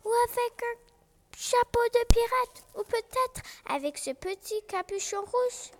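A woman voicing an excitable young male rabbit in a storybook read-aloud, exclaiming with childlike eagerness. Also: extremely high pitch, a little slow, voice pushed up. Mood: eager.

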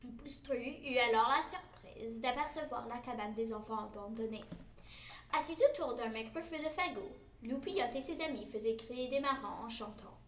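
A woman reading a children's Christmas story aloud, expressively and with varied loudness. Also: fairly high pitch, slight background noise.

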